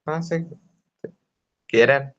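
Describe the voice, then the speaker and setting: A young man with a Rioplatense accent leads a casual study group over a video call, talking at a middle pitch. He works through each point step by step, with plenty of fillers and hesitations. The call audio sounds dull and lo-fi. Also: very slow, a little hiss or hum. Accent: Rioplatense Spanish. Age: young adult. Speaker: student tutor. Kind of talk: informal study-group lesson.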